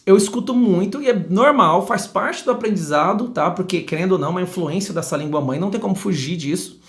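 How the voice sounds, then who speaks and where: A Brazilian man teaching English pronunciation, speaking close to the mic and slowly repeating model words with emphasis. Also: high voice, lively intonation. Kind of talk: pronunciation lesson. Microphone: close microphone.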